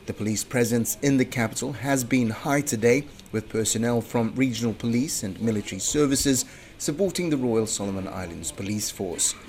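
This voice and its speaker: A man's voice: medium pitch, moderate pace, darkish tone, slight background noise. A man working as a radio reporter, narrating a scripted news report.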